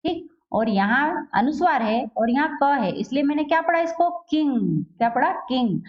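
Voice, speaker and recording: A woman teaching a Sanskrit lesson in Hindi who asks questions and answers them herself, reading the Sanskrit lines slowly and carefully. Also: high voice, lively intonation, muffled recording.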